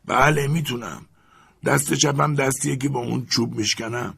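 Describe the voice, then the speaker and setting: A male audiobook narrator voices a timid yet stubborn old servant replying to his master from high in a tree, pushing his voice loud and well above its natural pitch while a gravelly, husky grain remains. The heavily acted delivery is nervous and pleading, strained and high, with fairly even intonation.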